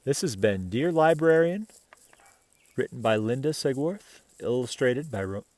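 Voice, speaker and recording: A man with a mid-range voice reads a children's picture book aloud with storyteller flair, breaking for casual asides and questions to the listener. No room sound comes through.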